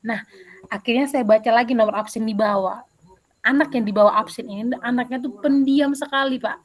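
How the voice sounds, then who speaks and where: Animated woman teacher on a video call. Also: on the high side, a little fast. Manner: animated storytelling with many fillers. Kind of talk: answering interview questions.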